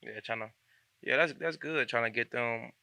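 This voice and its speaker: A man's voice: mid-range voice, moderate pace, gravelly, sharp tone, clear, resonant tone, no echo. A young man from Indianapolis hosting a casual interview, laid-back and slangy with lots of fillers. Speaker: podcast host.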